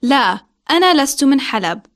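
A woman's voice: sits high, very animated, racing. A woman whose native language is Arabic, co-hosting a language lesson. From Syria. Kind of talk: scripted language lesson dialogue and chat.

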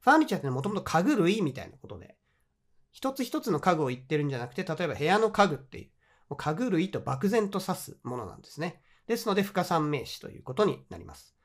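An English teacher with a Japanese accent, explaining grammar points in a friendly, encouraging way. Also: medium pitch.

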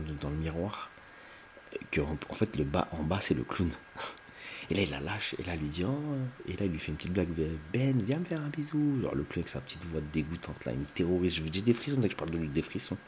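A man with an extremely deep voice recaps a film for his video audience, loose and unscripted, stumbling through fillers and restarts. Now and then he jumps up in pitch to act out a character's line. A faint hiss runs under the recording. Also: fast talker, a little mellow. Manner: rambling, many fillers and restarts; briefly acts out lines in raised voices. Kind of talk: unedited casual retelling.

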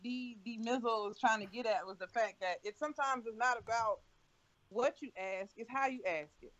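A woman's voice: a little high, moderate pace, fairly bright tone, lo-fi sound. A woman co-hosting a podcast in blunt, slangy, casual chat. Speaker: podcast co-host.

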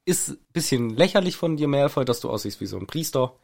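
A man's voice: medium pitch, animated, quick pace, creaky, a little mellow. A man co-hosting a casual book podcast, retelling scenes and acting out the characters' lines with laughter. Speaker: podcast co-host.

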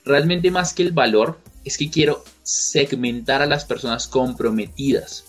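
Husky emphatic motivational man. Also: mid-range voice, measured pace, soft background music. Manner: emphatic, repetitive, rhetorical questions; acts out quoted people. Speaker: motivational coach. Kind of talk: motivational talk to camera.

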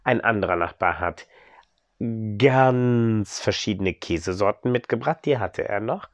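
A man improvising a bedtime story for a child, in an animated storytelling manner. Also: fairly low pitch, a little slow, no room sound.

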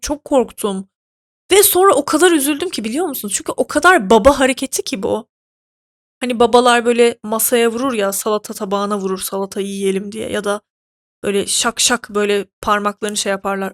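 A woman hosting a podcast, telling a story in an indignant, animated way with many fillers. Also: sits high. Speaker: podcast host. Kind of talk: casual podcast monologue.

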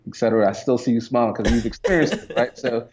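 Speaking quickly in a mid-range voice, this guest from Jamaica, who works as an entrepreneur and photographer, keeps the interview relaxed and conversational with plenty of fillers. The audio is dull and lo-fi.

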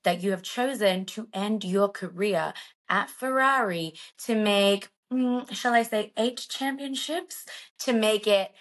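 A young woman in her twenties co-hosting a podcast, chatting in a gushing, animated way and acting out her own reactions. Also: mid-range voice, measured pace. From Australia. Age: 20s. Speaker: podcast co-host. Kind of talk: casual chat.

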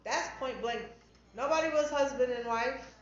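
A woman's voice: sits high, moderate pace. A woman co-hosting a casual podcast, blunt and insistent, driving her points with rhetorical questions. Her voice rings in a strongly echoing room. The sound is dull and lo-fi. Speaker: podcast co-host. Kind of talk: casual chat. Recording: very echoey, dull podcast audio.

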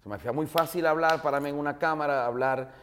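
A man's voice: a little high, quick pace, a little hiss or hum. A man in his forties with a Maracaibo Venezuelan Spanish accent, a guest telling anecdotes in a casual interview with plenty of fillers and jokes. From Zulia, Venezuela. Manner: animated, jokey anecdotes with many fillers.

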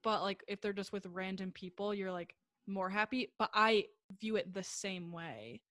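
A woman's voice: medium pitch, moderate pace, sharp tone, no echo, studio quality. A young woman co-hosting a podcast, talking casually, full of "like", swearing freely and laughing often. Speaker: podcast co-host. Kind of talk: casual chat.

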